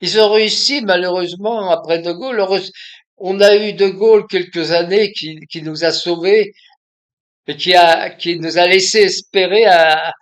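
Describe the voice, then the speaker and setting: An older man from France talking in an impromptu monologue, halting with many restarts and fillers. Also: sits high. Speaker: video commentator.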